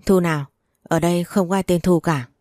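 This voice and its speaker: A woman's voice: on the low side, fairly even intonation, brisk, dry recording, studio quality, lightly acted. A woman voicing an arrogant, cruel jealous wife who speaks scornfully. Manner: scornful, shouting.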